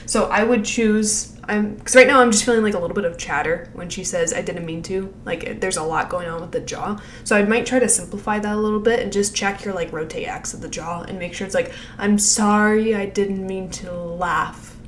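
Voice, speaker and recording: A woman's voice: medium pitch, a little fast, hardly any pauses, slight background noise. Chatty woman giving animation feedback, echoey room. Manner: rambling, filler-heavy, laughs often. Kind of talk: casual critique over a screen share.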